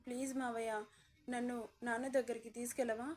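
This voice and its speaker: This is a storybook reading where a frightened young child bride pleads tearfully with her captor, as a woman puts her on. The voice sits a little high, the way a woman narrator would keep it while reading. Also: flat delivery, a little fast, a little mellow, natural voice. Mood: frightened pleading.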